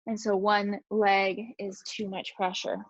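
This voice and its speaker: A woman instructor calmly guiding a gentle yoga class, cueing each breath and movement. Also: medium pitch, slow pace, no echo, muffled recording.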